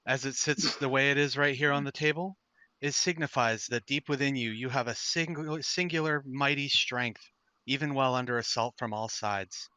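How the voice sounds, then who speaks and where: A man voicing a calm, mysterious female fortune-teller in a tabletop game, measured, cryptic and eerily calm. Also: mid-range voice, clear, resonant tone, no room sound, close to an everyday voice, poor audio. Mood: cryptic, solemn. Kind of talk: improvised tabletop role-play.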